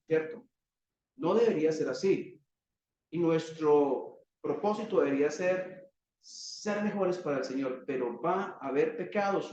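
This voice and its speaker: A man with a Colombian accent preaching a sermon, asking rhetorical questions and leaning on dramatic pauses. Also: high-pitched, a little mellow, a little hiss or hum. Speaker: pastor. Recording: echoey hall, distant dull mic.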